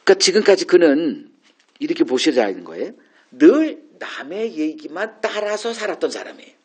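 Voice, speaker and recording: Husky-voiced male pastor explaining scripture. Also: a little high, very animated, moderate pace. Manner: informal, musing, poses rhetorical questions. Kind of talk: conversational Bible exposition sermon.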